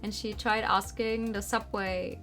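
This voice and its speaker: The audio is poor on this stream, where a young woman reads a visual novel aloud and chats casually over soft background game music. Her mid-range voice runs a little slow, and her manner is animated and informal with rambling asides.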